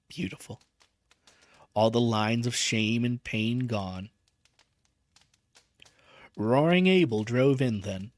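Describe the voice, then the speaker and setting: A man reading a novel aloud as a streamer, gentle and emotional, pausing to chat about the story. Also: medium pitch, no room sound. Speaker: vtuber book reader.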